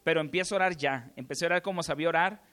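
A man with a Mexican accent preaching a sermon, telling his testimony with passion that swings from hushed to shouting. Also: fairly high pitch, racing, clear, resonant tone.

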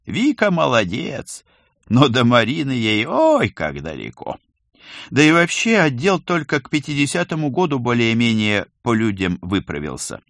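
A man voicing an old male house ghost who speaks in a rustling whisper, slow and instructive, in a storybook reading. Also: mid-range voice, huge pitch swings, a bit bright, no echo, clean studio sound, voice pushed up. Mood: sad.

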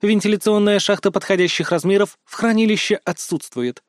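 A man voicing a female AI unit that reports in a flat, formal, clipped way in an audiobook. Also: high-pitched, a little fast, no room sound, clean studio sound, voice pushed up, natural voice. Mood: detached. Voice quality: clipped, formal machine diction. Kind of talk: audiobook character voice.

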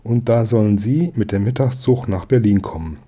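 A man's voice: on the low side, mellow, slightly rough. Man doing a bustling gossipy neighbor lady. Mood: eager. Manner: bustling, gossipy, quick to reassure. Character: chatty eager neighbor woman, a baker's wife.

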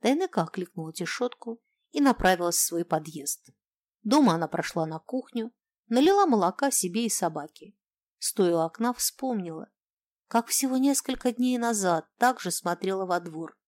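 A woman narrating a detective novel in an even, measured storytelling voice. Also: medium pitch, dry recording. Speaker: audiobook narrator. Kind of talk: scripted narration.

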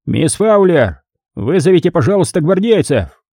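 A man's voice: high-pitched, big pitch swings, normal speed, dark tone, dry recording, studio quality, pitched above the performer's own voice, heavily acted. A man voicing a ruthless, mocking middle-aged male crime lord in an audiobook, speaking in a sneering, imperious way. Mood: commanding.

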